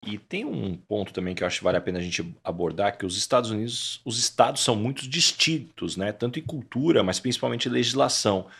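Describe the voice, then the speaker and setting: A man's voice: lowish voice, expressive, fast talker, gravelly, few pauses, a bit bright, breathy edge. A Brazilian man hosting a podcast, asking considered interview questions. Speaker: podcast host.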